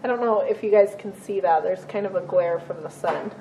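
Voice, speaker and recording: A young woman vlogging at home to her camera, hoarse from a cold, chatting in a rambling way with many ums and throat-clearing. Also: mid-range voice, brisk, mellow, slight background noise, poor audio. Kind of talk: casual vlog chat to camera. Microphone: camera set on a surface.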